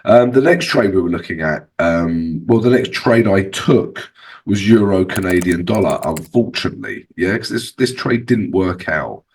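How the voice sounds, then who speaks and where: A man's voice: low-pitched, lively intonation, normal speed, darkish tone, distant mic. A man with a sore, swollen-sounding throat hosting a casual trading tutorial, talking viewers through charts in a conversational way with frequent checking tags. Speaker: trading channel host and analyst.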